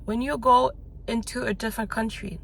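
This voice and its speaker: A fairly high-pitched woman with vocal fry speaks at a moderate pace in a fairly even, slightly bright voice, with a little hiss or hum on the recording. Raised in the United States, she's a business coach in a motivational vlog, blunt and casually swearing as she rambles with plenty of fillers and restarts.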